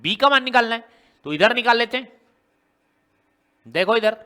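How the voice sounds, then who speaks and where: A man's voice: very high voice, expressive, normal speed, sharp tone, clean tone. A man teaching a maths lesson, working through a problem step by step and asking his students question after question. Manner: explains step by step, often quizzing students with rhetorical questions.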